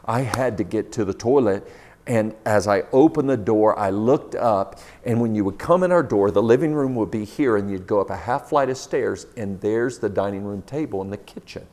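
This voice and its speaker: A man's voice: fairly low pitch, normal speed, a little mellow. A middle-aged man telling a personal story in a sermon, in a conversational, laughing storyteller's manner.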